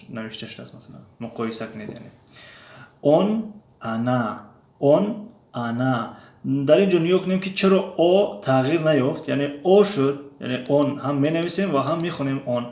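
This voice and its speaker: A man in the middle pitch range teaches a lesson at an unhurried pace. His voice has a gravelly edge, and he says each drill word aloud again and again. The recording carries the echo of a bare room. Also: darkish tone. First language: Tajik. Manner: slow, repeats drill words aloud. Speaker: language teacher. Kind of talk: explaining a lesson.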